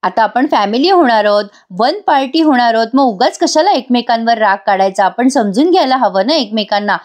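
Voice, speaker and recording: An earnest young woman who gently coaxes and apologises, trying to make peace, as a female narrator reads her lines. Her voice is a touch high and lightly spoken. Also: animated, brisk, close to an everyday voice. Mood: pleading. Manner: coaxing, earnest.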